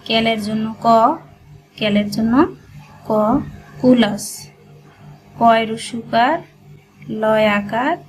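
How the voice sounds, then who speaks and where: Slow, patient woman teaching shorthand. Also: a little high, flat delivery, rough recording. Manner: breaks words into syllables and repeats them patiently. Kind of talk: slow step-by-step dictation lesson.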